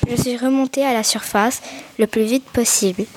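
A woman's voice: a little high, fairly even intonation, moderate pace. A young female student introducing and reading her own story, with small restarts. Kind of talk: reading a written story aloud. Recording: audible background noise.

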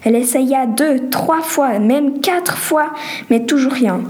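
A woman reading a homemade story aloud in a plain, slightly halting way. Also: sits high, darkish tone.

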